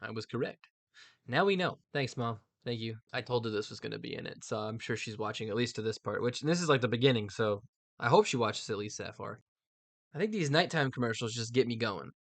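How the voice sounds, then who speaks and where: Male American host, mid-pitched, rambling casual commentary with dry humor, recorded close with no room sound. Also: lively intonation, a little fast, creaky, dry recording. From United States.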